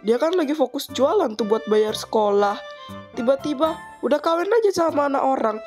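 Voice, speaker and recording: A woman's voice: sits high, animated, fairly quick, darkish tone, soft background music. A woman voicing a nosy, pushy teenage girl classmate.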